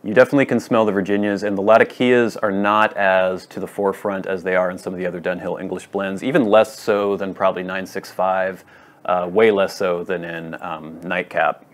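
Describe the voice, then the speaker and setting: A man with a deep-set, low voice talks casually to camera as a reviewer. His delivery is measured and deliberate, often breaking into short, itemised phrases. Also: flat delivery. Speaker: pipe tobacco reviewer. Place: wood-floored room at home, indoors.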